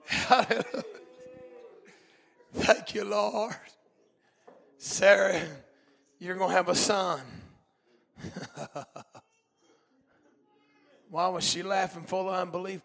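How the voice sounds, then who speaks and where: A man preaching a sermon in a church, fervent and shouting in bursts, punctuated with amens and hallelujahs. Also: high voice, vocal fry.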